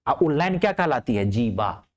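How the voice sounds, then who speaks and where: A male math teacher. He explains geometry step by step, keeps asking whether things are clear, and drops his voice low to answer his own questions. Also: very animated, moderate pace. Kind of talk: lively classroom math lesson.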